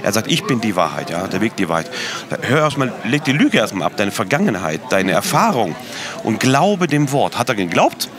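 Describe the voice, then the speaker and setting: A man's voice: fairly low pitch, sing-song, normal speed, crowd noise. A man earnestly describing his prayer life as an interview guest, stressing points by repeating words. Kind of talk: casual faith conversation.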